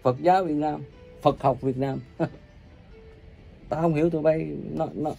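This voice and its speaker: A man preaching an angry, ranting sermon, cursing and scolding his listeners with coarse insults, his volume swinging from loud bursts to low mutters. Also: fairly even intonation, measured pace, vocal fry, soft background music. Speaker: self-proclaimed religious preacher.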